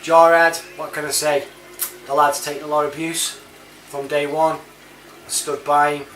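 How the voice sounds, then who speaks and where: His voice is fairly high-pitched, flat and fairly bright, a little slow. He's a British online reviewer who uses a CB chat app, giving a rambling, chatty monologue loaded with informal slang, recorded roomily on a distant mic with clear background noise.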